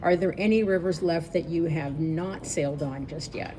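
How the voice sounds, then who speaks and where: Lady host interviewing on a ship, lowish voice, friendly and upbeat. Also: moderate pace, warm tone, a little hiss or hum. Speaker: podcast host. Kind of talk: interview hosting. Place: aboard a river cruise ship.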